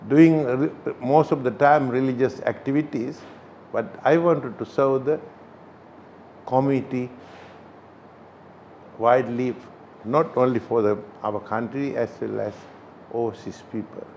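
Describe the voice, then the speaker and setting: An older man from Sri Lanka, a Buddhist chief priest, answering interview questions in a halting way with many pauses. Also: mid-range voice, a little hiss or hum. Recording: slightly dull recording.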